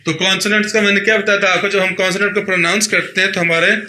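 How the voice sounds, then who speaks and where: A man with a Pakistani Urdu accent teaches an English grammar lesson, patiently repeating points and making sure his students keep up. His high, sharp voice stays steady while he talks very fast. The room is echoey with faint background noise.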